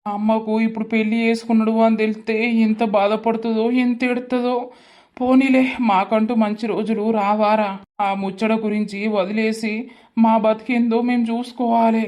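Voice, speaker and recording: A woman's voice: fairly high pitch, level tone, moderate pace, darkish tone, lightly acted. A woman voicing a young male college student, talking in a sorrowful, complaining way for a village cartoon.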